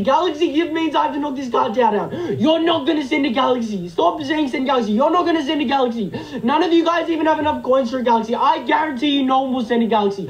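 A man's voice: very high voice, low-quality recording. A young man doing a comedic livestream skit, frantic and pleading, repeating himself over and over. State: nervous, shaky hands.

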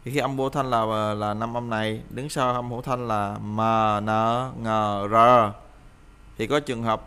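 A man's voice: medium pitch, fairly even intonation, moderate pace, fairly bright tone. A man teaching a pronunciation lesson, explaining each point and repeating example words for the listener to drill, with frequent hesitant fillers.

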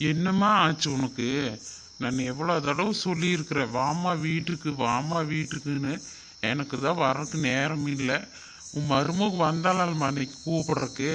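A man's voice: a little high, fairly bright tone, a little hiss or hum, close to an everyday voice. A man playing a grown son who pleads with his mother to come home, frustrated by gossip at work and in town. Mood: pleading. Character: worried grown son, office worker. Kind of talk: village family drama acting.

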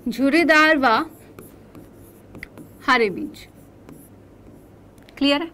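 A woman's voice: high voice, very slow, sharp tone. A young woman teaching a class, asking her students questions and then answering them herself, and repeating the key terms.

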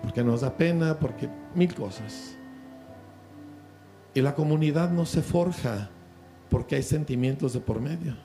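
A man's voice: fairly high pitch, unhurried, creaky, long pauses, warm tone, faint music behind. A Mexican man in his sixties preaching a sermon at a pastors' conference, speaking conversationally and often asking listeners whether they follow. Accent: Mexican Spanish. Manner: conversational preaching, asks the crowd for agreement. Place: church conference stage.

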